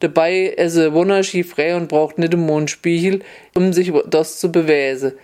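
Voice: mid-range voice, fairly even intonation, normal speed, a little mellow, natural voice. A storyteller doing a stern lady official. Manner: stern, scolding. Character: stern woman official at the window.

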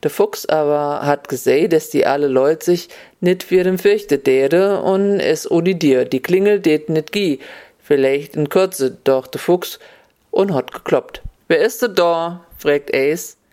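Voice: medium pitch, measured pace, dark tone. Storyteller in thick Upper Hessian dialect.

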